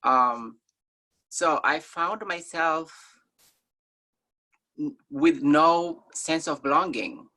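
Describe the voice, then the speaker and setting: A woman's voice: deep voice, very slow, pauses often, pushed and bright. A woman from Somalia, a guest in a conversational interview, talking in an earnest, thoughtful way with frequent ums.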